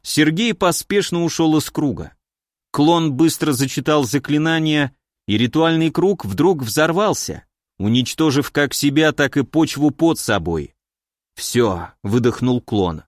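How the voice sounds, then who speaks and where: A man narrating a fantasy audiobook in a steady, even storytelling manner. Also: on the high side, unhurried, no room sound, studio quality.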